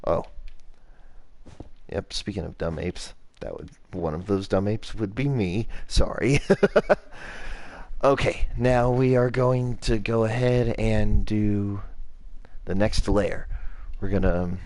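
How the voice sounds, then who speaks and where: A man's voice: lowish voice, fairly even intonation, takes it slowly, darkish tone. A young man hosting his own channel, casually talking through a block-building game tutorial step by step and poking fun at himself. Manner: rambling, self-mocking, talks through each step. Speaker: channel host.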